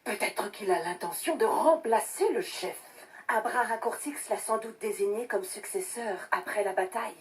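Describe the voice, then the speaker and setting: An actress playing a gossiping young village woman in an audio drama, excitable and chatty. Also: medium pitch, normal speed, lightly acted. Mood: gossipy.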